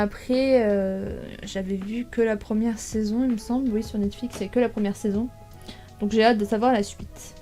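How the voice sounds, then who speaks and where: A chatty young woman with a fairly high but mellow voice, thinking aloud as she sorts titles into a tier list. She fills her speech with hesitations and little asides, and faint music plays behind her. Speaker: YouTuber ranking manga. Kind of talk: casual tier list commentary.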